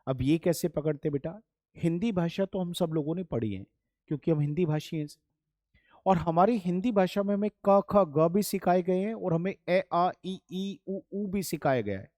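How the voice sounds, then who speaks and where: Recorded cleanly in a studio with no room sound, this grammar teacher speaks in a high, warm voice at a moderate pace. He patiently repeats his points in the classroom lesson, addressing students as children with "beta" and "bachhon."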